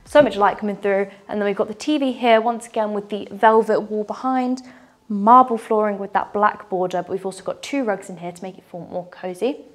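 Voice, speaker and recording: Touring a large furnished house indoors, an upbeat woman presents the property in a brisk, mid-range voice with fairly even intonation. She walks and gestures while she talks, her narration enthusiastic throughout.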